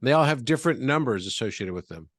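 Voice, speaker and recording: A man who is a guest in an interview, calmly explaining things and walking through examples step by step. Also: medium pitch, fast talker, no echo, studio quality.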